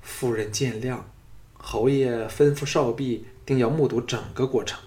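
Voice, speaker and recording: A man's voice: medium pitch, steady tone, unhurried, mellow, pitched above the performer's own voice, lightly acted. A man voicing a maidservant who speaks humbly and apologetically. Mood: apologetic. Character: humble maidservant woman, buxom and bold.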